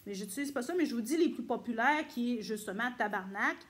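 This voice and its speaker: A woman from Quebec with a Québécois French accent, explaining casually to camera in a chatty way with frequent pauses. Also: on the high side, expressive, a bit bright. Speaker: vlogger.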